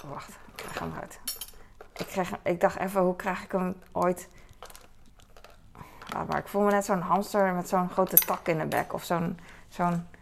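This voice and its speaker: A woman's voice: fairly low pitch, creaky, a little hiss or hum. A woman in her thirties, a mother chatting casually in a rambling way while doing household chores for her vlog. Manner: chatty and rambling, animated when telling stories. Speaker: vlogger and mother.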